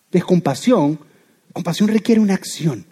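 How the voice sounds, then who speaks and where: A pastor preaches an animated sermon, explaining with everyday examples. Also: male voice, high-pitched, moderate pace, husky.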